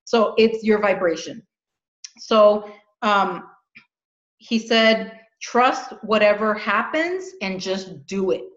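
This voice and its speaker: Slow and medium-pitched, a middle-aged woman co-hosts a spiritual podcast, chatting casually with earnest animation and repeating her words often. The sound is dull and lo-fi, recorded in an echoey room.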